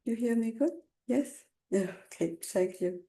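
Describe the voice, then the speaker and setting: Female meditation teacher, non-native English speaker, soft relaxed tone, slow and halting, calm delivery. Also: on the high side. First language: not English. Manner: calm, unhurried, halting short phrases with pauses.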